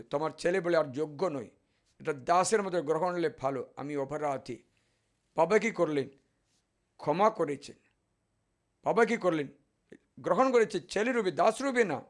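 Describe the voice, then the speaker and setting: A priest giving a sermon at a retreat centre, preaching slowly and emphatically, repeating key phrases. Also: male voice, on the high side. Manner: preaching with slow, emphatic repetition.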